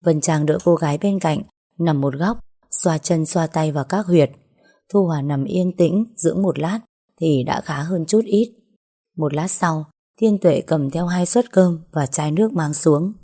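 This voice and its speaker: A woman narrating a story in a steady, even way. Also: deep voice, unhurried.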